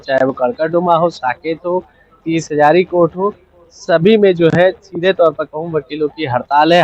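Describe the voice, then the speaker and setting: Male on-location reporter, high pitch, formal and emphatic, muffled audio. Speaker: field reporter. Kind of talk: scripted field report.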